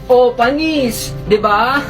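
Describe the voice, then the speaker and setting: Woman goofing around in a vampire skit, high voice, music behind. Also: slow pace. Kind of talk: comedy sketch with a vampire.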